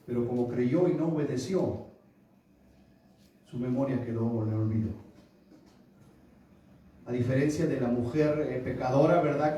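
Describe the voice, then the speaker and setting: A man preaching a sermon, putting questions to the congregation and rising to loud, emphatic peaks. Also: medium pitch, a little hiss or hum. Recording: echoey room from far off.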